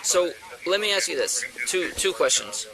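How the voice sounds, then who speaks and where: A man's voice: high-pitched, sing-song, normal speed, poor audio. Firm blunt male police officer. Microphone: body camera. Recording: body cam audio with crowd noise.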